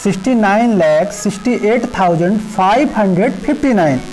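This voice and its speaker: A woman teaching a primary school math lesson, explaining place values slowly and repeatedly checking in with the children. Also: mid-range voice, lively intonation, a little mellow, slight background noise, low-quality recording. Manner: slow, repetitive explaining with frequent "ठीक है" checks. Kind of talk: class 5 math lesson in Hindi with English number words.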